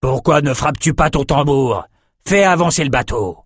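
A man's voice: a little high, expressive, breathy edge, no echo, clean studio sound, pitched above the performer's own voice. A man doing a cruel, contemptuous slaver captain. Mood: contemptuous threatening. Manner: slow, threatening, contemptuous. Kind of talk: audiobook character voice.

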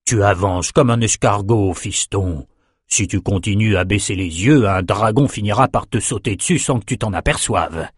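Man putting on a gruff old wizard, deep, teasing, slow, dry audiobook sound. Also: no echo. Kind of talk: audiobook character voice.

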